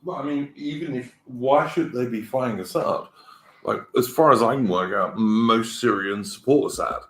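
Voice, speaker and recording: Co-hosting a casual political podcast, a man speaks with a medium pitch at normal speed, offering opinions in a rambling way and often restarting his sentences. The room he's in sounds echoey.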